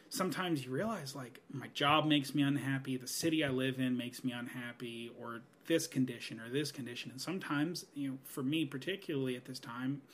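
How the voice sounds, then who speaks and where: A man in his thirties musing on growing older in a casual podcast chat, earnest and rambling, with many "you know"s. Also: a little high. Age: 30s. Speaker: guest. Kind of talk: reflective podcast conversation.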